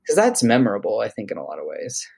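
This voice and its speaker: A man's voice: lowish voice, wildly swooping pitch, fast, creaky, a little mellow, breathy edge. A man, a private chef, chatting casually and at length about food with enthusiasm. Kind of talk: casual conversation.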